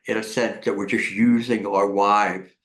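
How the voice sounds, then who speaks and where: A man's voice: on the low side, unhurried. Explanatory male therapist guest. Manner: explanatory, lively, acts out examples. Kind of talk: conversational interview.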